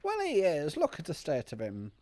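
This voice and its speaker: A British man co-commentating on a game in casual banter, sardonic and deadpan. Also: fairly high pitch, normal speed, no room sound. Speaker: gaming co-commentator. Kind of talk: dry casual banter over gameplay.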